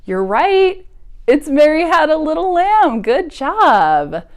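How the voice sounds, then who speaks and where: In a read-aloud session for preschoolers, a woman speaks straight to the small children in simple, encouraging phrases, leaning hard on a sing-song emphasis. Her voice is high-pitched and very animated. She speaks slowly.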